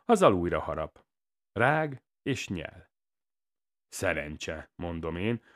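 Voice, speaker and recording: A man's voice: low voice, sing-song. A man reading a first-person crime story aloud in a dry, matter-of-fact way. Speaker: audiobook narrator. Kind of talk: first-person audiobook narration.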